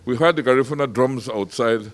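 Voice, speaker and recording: A man's voice: medium pitch, fairly quick. A middle-aged man hosting a casual on-site interview, chatty and prone to repeating words. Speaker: host.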